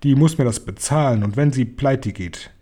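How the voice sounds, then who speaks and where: A man voicing a blustering, furious middle-aged father who shouts and stammers. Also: medium pitch, normal speed, lightly acted. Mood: indignant.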